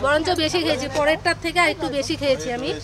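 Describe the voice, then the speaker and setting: A woman's voice: high voice, steady tone, very fast, crowd noise. A woman chatting casually to camera as a vlog host, explaining and giving instructions. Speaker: vlogger hosting a food challenge. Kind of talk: casual chat to camera and family. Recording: outdoor recording with people chattering around.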